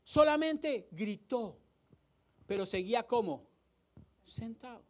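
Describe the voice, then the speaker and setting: A man's voice: very high voice, lively intonation, slow pace. A man preaching a sermon as pastor, acting out scenes and asking rhetorical questions. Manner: dramatic, acts out the crowd and the blind man's cries, rhetorical questions. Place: church hall.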